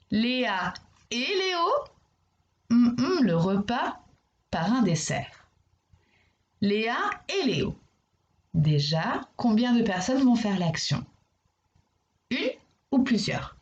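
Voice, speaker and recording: Slow, patient French schoolteacher woman. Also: medium pitch, darkish tone, dull audio. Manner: slow, patient, addresses the child directly; spells out letters and repeats words for emphasis. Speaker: primary school teacher. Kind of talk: video lesson for young children.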